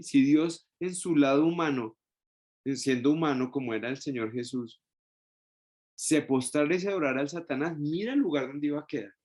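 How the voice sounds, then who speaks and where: A man's voice: on the high side, darkish tone. A man teaching a Bible study class, explaining step by step and often checking in with his listeners through short tag questions. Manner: explains step by step with many restarts. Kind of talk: Bible study lesson with a shared screen.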